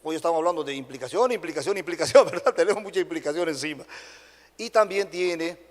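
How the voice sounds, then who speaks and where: Long hall reverb fills the church sanctuary as a pastor with a Dominican Spanish accent preaches at a quick pace, his voice pitched on the high side. His animated delivery is peppered with short check-ins like "right?" aimed at the congregation.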